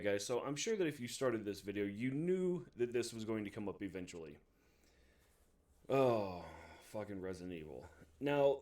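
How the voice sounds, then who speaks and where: Far from the mic, this man speaks with a medium-pitched, dark-toned voice. As a video host reviewing movies, he delivers a casual, opinionated rant to camera, emphatic and exasperated and full of profanity.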